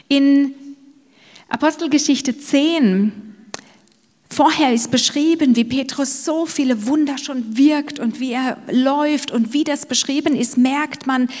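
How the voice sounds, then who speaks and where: A woman preaching a sermon, telling the story in a lively way and acting out what the speakers say. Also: sits high. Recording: long reverb of a large hall.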